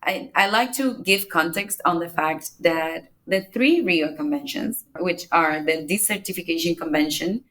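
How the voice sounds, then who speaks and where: With a lower, fairly bright voice, this Dominican climate negotiator answers a podcast's questions unhurriedly. She lays out her explanations step by step in a measured manner, occasionally making small restarts.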